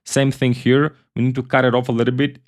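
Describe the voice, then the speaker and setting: A man from Ukraine, hosting a casual software tutorial in a loose, chatty way and often repeating his words. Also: mid-range voice, flat delivery, fairly quick. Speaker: tutorial host.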